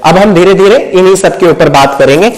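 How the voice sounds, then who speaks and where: High-voiced man teaching a Hindi lesson. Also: a little fast, rough recording. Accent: Hindi mixed with English words. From Uttar Pradesh. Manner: talks in questions he answers himself, often checks in with "ठीक है". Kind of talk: explanatory video lesson.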